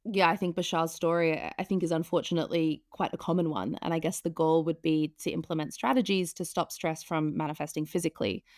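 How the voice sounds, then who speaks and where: Low, gravelly-voiced woman podcast host. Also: fairly even intonation, a little fast, hardly any pauses, no echo, clean studio sound. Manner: thoughtful, with many soft fillers. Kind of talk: reflective podcast conversation.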